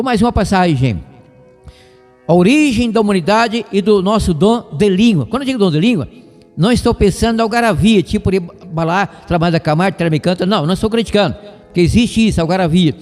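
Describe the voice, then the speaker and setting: A Brazilian man with a high voice gives a loose, chatty Bible lesson over the radio. He drifts into digressions and little jokes before returning to the text. His voice carries a long reverb, with faint music playing underneath. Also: a little mellow. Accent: Brazilian Portuguese. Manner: rambling, digressive, jokey asides.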